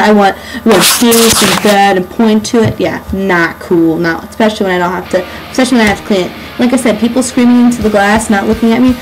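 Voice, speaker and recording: A nineteen-year-old woman ranting comedically about work in a sarcastic, exasperated, animated way with frequent swearing. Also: medium pitch, low-quality recording. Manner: animated, acts out customers' lines. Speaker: sandwich shop worker. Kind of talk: comedic rant to camera.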